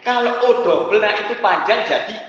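A man giving a religious lecture, animated, with laughing asides and sudden shouts. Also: high voice, moderate pace, slight background noise. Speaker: preacher. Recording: echoey hall, dull lo-fi sound.

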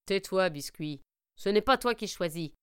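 A woman playing a low, menacing wolf. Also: lively intonation, normal speed, a bit bright, clean tone, dry recording, studio quality, lightly acted. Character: menacing hungry wolf, cold and greedy.

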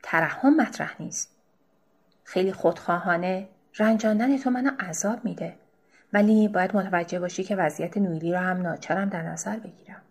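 A woman reading the part of a weary, evasive middle-aged husband in a novel, giving low, subdued, defensive replies.

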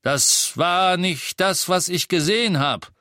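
A man voicing a blunt, menacing dark wizard henchman. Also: sits high, slow pace, no echo, studio quality, voice pushed up, heavily acted. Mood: threatening. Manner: blunt, threatening.

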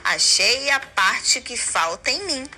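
Bright, high-voiced woman hosting for kids. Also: animated, takes it slowly. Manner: kids show host, cheerfully addressing children. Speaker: children's storyteller. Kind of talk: children's storytelling. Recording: music under the voice. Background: music.

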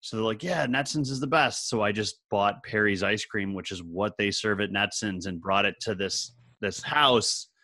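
Bright-voiced rambling man. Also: lowish voice, normal speed, few pauses. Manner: rambling, animated storytelling. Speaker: podcast co-host. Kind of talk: casual chat.

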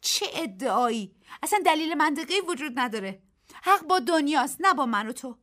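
A woman's voice: expressive, a bit bright. Woman reading as a frightened, agitated young woman. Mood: despairing. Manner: high-pitched and agitated, rising to cries. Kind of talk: dramatic radio story reading.

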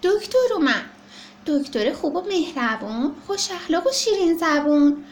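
A woman's voice: very high-pitched, very animated, a little hiss or hum. A woman reading a rhymed children's story in a sing-song, rhythmic way, recorded in a roomy space. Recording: roomy echo, faint background.

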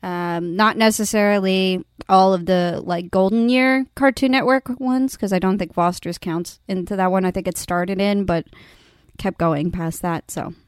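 Clear-voiced chatty young woman host. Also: mid-range voice, steady tone, a little slow, dry recording, clean studio sound. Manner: chatty, rambling with fillers. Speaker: podcast host. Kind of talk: casual chat.

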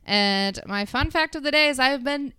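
A woman's voice: sits high, moderate pace, sharp tone, no echo. A woman hosting a podcast, upbeat and chatty, with a lot of fillers. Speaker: podcast host. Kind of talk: casual podcast chat.

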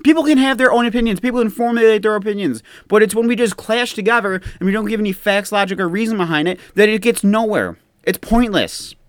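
An American man ranting in an exasperated, mocking tone, often dropping low to mimic the people he criticizes. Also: quick pace, hardly any pauses, clear, resonant tone, no room sound, studio quality. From United States. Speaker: commentator. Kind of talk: opinion rant to camera.

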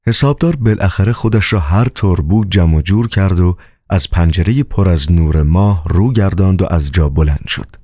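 A man reading an audiobook novel with calm, measured storytelling. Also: deep voice, no room sound, studio quality. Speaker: audiobook narrator. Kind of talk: scripted narration.

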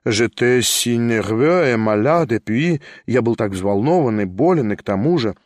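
A nervous, flustered older gentleman who stammers and drags his words out slowly, as a male reader voices him. He sounds timid and unsure of himself. The recording is dry, with no room sound. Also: mid-range voice, animated, dry recording, lightly acted. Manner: hesitant, stammering, slow. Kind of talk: audiobook character voice.

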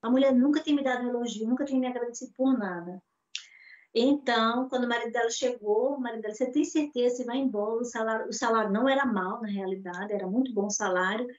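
High-voiced Brazilian woman telling a story. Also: fast talker. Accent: Brazilian Portuguese. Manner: animated storyteller acting out dialogue. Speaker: guest. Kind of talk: storytelling interview over video call. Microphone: video call mic. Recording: dull lo-fi call audio.

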